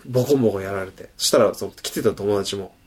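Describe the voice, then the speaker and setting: A man's voice: on the low side, quick pace, slight background noise. A young male comedian co-hosting a casual podcast. He tells stories with energy and acts out the sounds in them. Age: young adult. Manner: animated storyteller, acts out sounds and hushed quotes. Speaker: comedian co-host.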